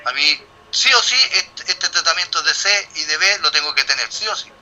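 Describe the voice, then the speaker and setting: A middle-aged lecturer with a very bright, slightly high voice walks his class through a calculation. He thinks aloud, stumbles and restarts, and throws in questions to the room before he answers them himself. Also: normal speed, low-quality recording. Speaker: university lecturer. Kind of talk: classroom explanation.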